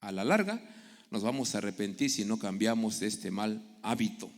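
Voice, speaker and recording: Gravelly middle-aged preacher in a hall. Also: male voice, fairly low pitch, animated, normal speed. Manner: storytelling, acting out quoted voices. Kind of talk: sermon. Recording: echoey hall with long reverb.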